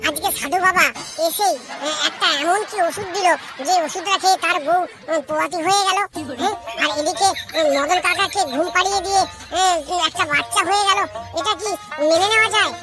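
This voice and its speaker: Cartoon villager, excitable gossip, high voice, quick talk, loud music behind performer doing him. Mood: insistent. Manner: excited, insistent. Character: young village man, gossipy and indignant. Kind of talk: cartoon voice acting.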